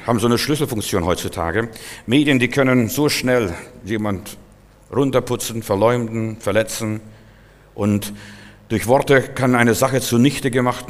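Emphatic German preacher in a reverberant hall. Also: male voice. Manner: emphatic, swinging from loud outbursts to low asides; addresses listeners directly, repeats key words. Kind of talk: sermon to a congregation. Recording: long hall reverb of a church.

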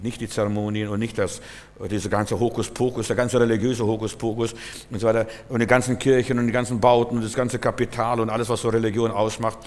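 A man's voice: mid-range voice, a little mellow. A man preaching a sermon in German, earnest and repetitive, speaking straight to the listener. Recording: long reverb, hall.

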